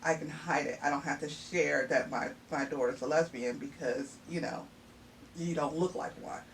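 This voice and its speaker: Guesting on her child's podcast, this middle-aged mother talks in a relaxed, reflective way, laughing often and leaning on fillers. She has a low voice, fairly even intonation and a moderate pace, recorded from a distant mic with a bit of faint noise.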